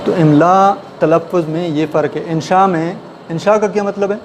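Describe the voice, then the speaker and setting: A man's voice: sits high, fairly even intonation, slight background noise. A man teaching a writing class in a classroom, explaining step by step and often putting questions to the listeners. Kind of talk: classroom lecture. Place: classroom with a board.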